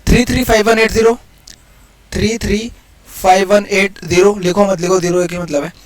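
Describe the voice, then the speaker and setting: A man teaching maths in a casual exam-prep lesson, explaining each step aloud and counting digits quickly. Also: high-pitched, fairly even intonation, rough recording. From India.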